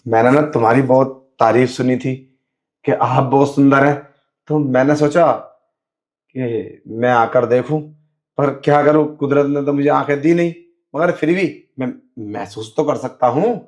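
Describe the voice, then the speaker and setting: एक चालाक, चापलूसी करता आदमी. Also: male voice, mid-range voice, moderate pace, darkish tone. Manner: sly, wheedling, keeps saying "you know". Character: sleazy man faking blindness, wheedling. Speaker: actor in a short skit. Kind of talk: scripted comedy skit.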